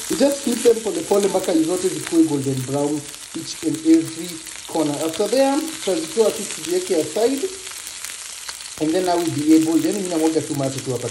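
A man with a Kenyan accent giving a relaxed, chatty home cooking tutorial, switching between Swahili and English. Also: fairly high pitch, noisy background. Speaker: home cook vlogger. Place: home kitchen. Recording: echoey kitchen with loud frying sizzle.

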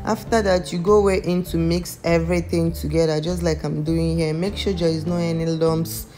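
In a voice-over cooking tutorial from her home kitchen, a young Nigerian woman with a Nigerian accent walks viewers through a recipe step by step, friendly and with some non-standard phrasing. Her deep voice keeps fairly even intonation at a moderate pace over soft background music.

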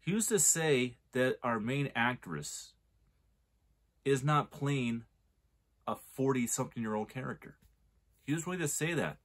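Arguing his case about a movie, a reviewer in his forties keeps starting his sentences over in loose, rambling fashion. He's animated but a little slow, with long pauses, at a medium pitch.

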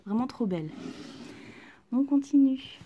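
A woman chatting through a casual unboxing at home, gushing with excitement and often dropping to a soft whisper. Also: sits high, unhurried, lo-fi sound, a little hiss or hum. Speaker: vlogger unboxing collectible figurines.

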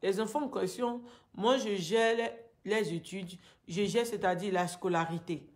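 A woman in her thirties with an Ivorian accent in her French, giving a halting, distressed and grieving personal testimony to camera. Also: medium pitch, fairly even intonation. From Ivory Coast. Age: 30s. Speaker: vlogger making a personal appeal. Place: small indoor room at home. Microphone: phone at arm's length.

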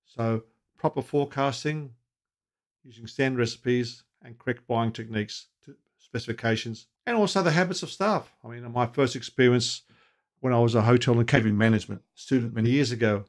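A man's voice: mid-range voice, a little fast. Man, 60s, consultant explaining kitchen practice to camera; plain, practical, anecdotal delivery. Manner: practical, anecdotal, asks viewers questions. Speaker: restaurant consultant. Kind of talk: advice video to camera. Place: home office with bookshelves, indoors. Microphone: webcam at desk.

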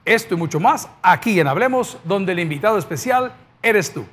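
Salvadoran male TV host, middle-aged, high and animated, playful presenter. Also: fairly quick. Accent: Salvadoran Spanish. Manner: jovial, joking, lively presenter. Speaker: TV host and pastor. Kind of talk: talk show hosting. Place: TV studio set. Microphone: lapel mic.

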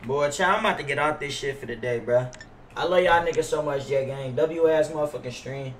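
Livestreaming a game at his indoor gaming setup, this young male streamer talks a little fast in a voice on the high side, full of casual, brash, profane slang. The audio is roomy and distant, carrying faint background noise.

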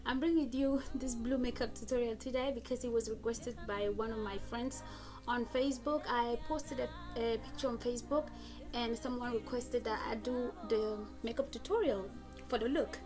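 A woman's voice: fairly high pitch, fairly even intonation, normal speed. A young woman chatting casually as a beauty vlogger giving a makeup tutorial, recorded on a phone in a room at home. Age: young adult. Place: small room at home, indoors. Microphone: smartphone at about arm's length. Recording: music playing behind the voice. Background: background music.

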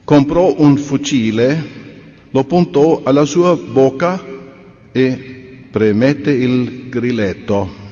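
A man delivering a sermon in an earnest, measured way, full of rhetorical questions to his listeners. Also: fairly high pitch, dark tone. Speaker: speaker at a religious convention. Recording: dull reverberant recording.

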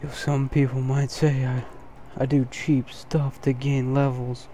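A man's voice: medium pitch, little pitch movement, a little slow, mellow, a little hiss or hum. A man commentating his own gameplay, keeping his voice down late at night and sounding sleepy. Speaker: gaming video host.

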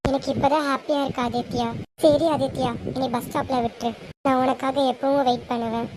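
A woman's voice: high voice, flat delivery, a little fast, over music. A woman acting as an emotional, lovestruck young college student in an amateur serial drama, with a pleading delivery. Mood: tender. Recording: noisy amateur home recording.

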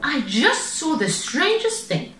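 A woman voicing a gentle, caring mother panda who gives calm advice, in a storybook reading. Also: sits high, slow pace, echoey room, far from the mic, a little hiss or hum, voice pushed up, full character voice, rough recording. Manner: calm, advising.

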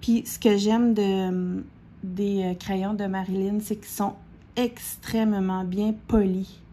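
A middle-aged woman with a Québécois accent chats through an unboxing in a slow, drawn-out way. She gasps and repeats her exclamations over and over. Faint room noise sits under her voice. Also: mid-range voice, steady tone, dark tone. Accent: Québécois French. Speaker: diamond painting vlogger. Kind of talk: excited unboxing chat.

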